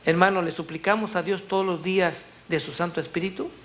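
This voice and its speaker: A man preaching a sermon in a church, telling a story and reading scripture aloud, swelling loud on the verses. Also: high voice, steady tone, brisk, a little hiss or hum. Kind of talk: Spanish-language church sermon.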